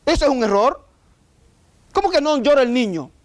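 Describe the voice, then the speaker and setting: A man's voice: very high-pitched, expressive, moderate pace. A man preaching a sermon as pastor, emphatic and full of rhetorical questions. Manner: emphatic, rhetorical questions, mock voices of objectors.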